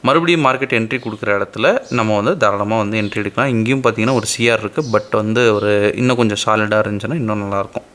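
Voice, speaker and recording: This Tamil-accented Indian man speaks very fast in a lowish, fairly bright voice. Teaching trading in a casual screen-share session, he explains each step and keeps checking understanding with quick tag questions.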